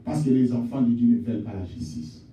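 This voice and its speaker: Booming preacher in an echoey church. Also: male voice, animated, brisk, recorded from a distance, a little hiss or hum. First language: not English. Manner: swings from shouted exhortation to low, quiet address; addresses the congregation directly as mother, father, sister. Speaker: pastor. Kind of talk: sermon. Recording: echoey church hall, voice from off-mic.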